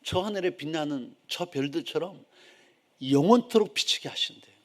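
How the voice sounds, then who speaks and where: A middle-aged male pastor preaching a sermon, swinging from quiet asides to loud, emphatic outbursts and acting out complaining believers. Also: fairly high pitch, normal speed. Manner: acts out complaining believers in a raised voice.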